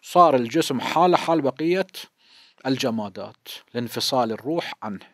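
A man's voice: medium pitch, expressive, fairly quick, no room sound. A man in his fifties with an Iraqi Arabic accent gives a religious lesson in a mid-range voice, explaining each point and asking questions he answers himself. The recording is dry and close, with little room sound. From Iraq. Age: 50s. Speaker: cleric teaching a seminary lesson.

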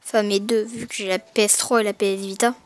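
A woman's voice: mid-range voice, little pitch movement, fast talker. A woman recording a casual unboxing narration through a gaming headset mic, talking hesitantly with many fillers and self-corrections. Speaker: gaming video maker.

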